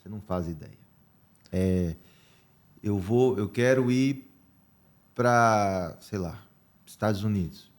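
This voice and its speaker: A man's voice: lowish voice, slow, pauses often. A man from Brazil hosting a podcast interview, chatting casually and sharing personal stories.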